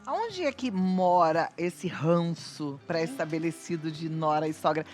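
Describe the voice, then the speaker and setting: A woman's voice: low voice, expressive, measured pace, darkish tone, soft background music. Chatty Brazilian woman talk-show host. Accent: Brazilian Portuguese.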